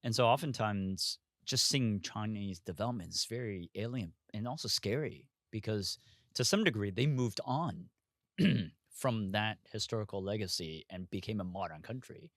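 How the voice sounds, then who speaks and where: At a moderate pace, the Hong Kong investor talks candidly in the casual interview, looping around his points with asides and restarts. His voice is low, the sound dry and close with no room around it.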